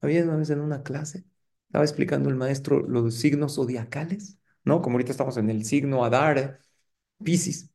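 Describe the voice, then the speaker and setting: A middle-aged man, a rabbi giving a lively sermon and putting rhetorical questions to his congregation. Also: medium pitch, a little fast, creaky. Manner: engaging, asks the audience rhetorical questions.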